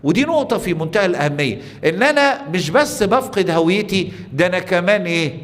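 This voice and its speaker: A man's voice: high-pitched, animated, quick pace, in a large hall. A man with an Egyptian Arabic accent, a priest preaching a sermon, telling stories and putting rhetorical questions to the congregation.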